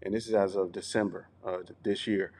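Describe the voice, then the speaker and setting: Low-voiced man telling stories on a podcast. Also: fairly even intonation, a little fast, a little mellow. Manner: storytelling, repeats words, often says "you know what I'm saying". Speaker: podcast co-host. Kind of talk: casual group chat.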